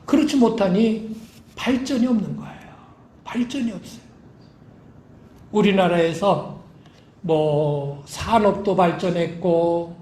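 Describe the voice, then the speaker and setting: A man's voice: sits high, a little mellow, reverberant, a little hiss or hum. A male pastor preaching a sermon with emphatic delivery, acting out quoted lines. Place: church sanctuary.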